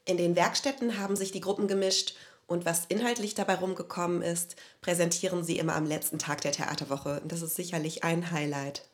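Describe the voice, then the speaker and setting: Low-voiced woman reading a news report. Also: steady tone, brisk, a little hiss or hum. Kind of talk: scripted news narration.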